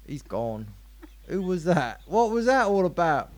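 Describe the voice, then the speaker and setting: A man's voice: high-pitched, moderate pace, dry recording. A man co-hosting a show, telling rambling, playful stories in casual chat. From England. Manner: rambling, animated, playful storyteller. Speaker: radio show co-host.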